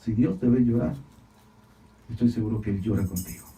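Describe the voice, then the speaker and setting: Man, pastor, preaching, dramatic loud and hushed swings, repeats phrases, calls on the congregation, mellow tone, distant echoey hall. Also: medium pitch, a little fast. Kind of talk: sermon. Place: church hall.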